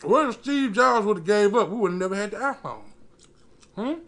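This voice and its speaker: Man, thirties, very high pitch, gravelly, emphatic motivational delivery, chewing while talking. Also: lively intonation, fairly bright tone. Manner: emphatic, preacher-like delivery with dramatic pauses. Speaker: mukbang eating-show host. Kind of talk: motivational talk to camera. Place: small indoor room.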